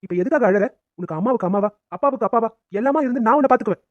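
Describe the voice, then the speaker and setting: A man voicing a stern but loving middle-aged father in a cartoon family drama, firm and quick-spoken. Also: very high-pitched, no echo, dull audio. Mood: comforting. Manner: firm, rapid, angry when pushed. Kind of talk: cartoon dubbing.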